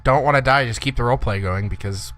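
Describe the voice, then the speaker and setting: A man's voice: medium pitch, fast talker, a bit bright, a little hiss or hum. A man narrating as dungeon master of a tabletop role-playing game, talking in an easygoing, rambling way.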